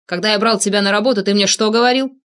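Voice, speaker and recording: A woman's voice: mid-range voice, racing, a bit bright, natural voice. A woman reading an audiobook, voicing a cruel male crime boss who shrieks and rants in abusive outbursts. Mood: raging.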